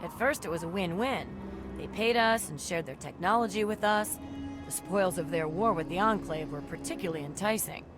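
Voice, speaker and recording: An actress playing a wry, skeptical caravan guard who explains things drily in a video game. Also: female voice, lowish voice, normal speed, natural voice. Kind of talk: video game character dialogue. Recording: music behind the voice.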